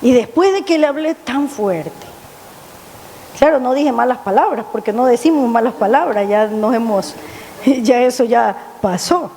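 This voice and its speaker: A woman pastor preaching an impassioned sermon, rising high on questions and dropping low on appeals to her listeners. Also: animated, unhurried, mellow. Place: church. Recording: church hall with long reverb.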